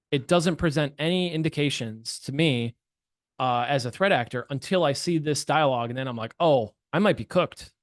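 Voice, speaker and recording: A man's voice: on the high side, dry recording, studio quality. A man presenting a webinar as a penetration tester, talking casually and correcting himself as he goes. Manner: chatty, uses filler words and restarts, self-corrects often.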